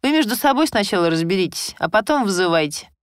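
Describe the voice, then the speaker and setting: A woman's voice: medium pitch, lively intonation, fast talker, smooth, no echo, clean studio sound, pitched above the performer's own voice, close to an everyday voice. A woman voicing a grumpy, stern male police sergeant who talks curtly, in a military manner. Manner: grumbling, curt, military-strict.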